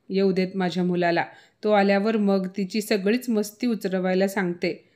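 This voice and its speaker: A woman's voice: mid-range voice, natural voice. A woman voicing an older mother-in-law who scolds and complains dramatically in a storybook tale.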